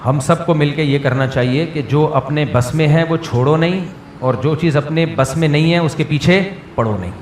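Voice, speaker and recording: A man, a mufti answering questions from listeners in a plainspoken, teasing way, often checking whether the point has landed. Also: a little high. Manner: plainspoken, teasing, keeps asking if the point is understood. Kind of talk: question-and-answer religious talk. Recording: echoey room with faint background noise.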